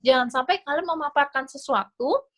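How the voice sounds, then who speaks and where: A woman's voice: sits high, moderate pace, a bit bright. A woman with an Indonesian accent gives casual, chatty advice to a class on a video call. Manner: casual, chatty explaining with fillers. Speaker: scholarship interview coach. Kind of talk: online class talk.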